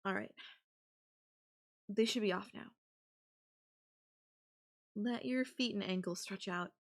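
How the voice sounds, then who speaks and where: A young woman with a mid-range voice speaks softly and haltingly as a sweet, possessive yandere girlfriend in an intimate audio roleplay. She sounds doting and gentle toward the listener.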